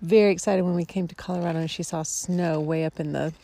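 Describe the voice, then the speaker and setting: A woman's voice: fairly low pitch, fairly even intonation, fast talker, warm tone, dry recording. A woman talking casually to a vlog audience in a reflective, hesitant way. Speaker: family camping vlogger.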